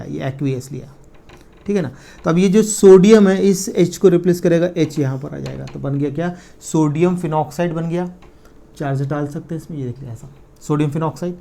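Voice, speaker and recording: A male chemistry teacher, his voice mellow and warm. He walks through reactions step by step, puts a question to the class and answers it himself. He slows right down to spell out formulas. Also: a little high. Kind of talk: exam-prep chemistry lecture.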